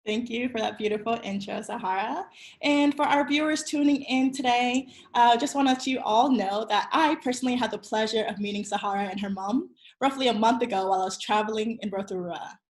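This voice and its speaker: A woman's voice: fairly high pitch, fairly quick. An American woman in her twenties from Virginia, hosting an interview with earnest, upbeat introductions and questions. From Virginia, USA. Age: 20s. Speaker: host. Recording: roomy echo.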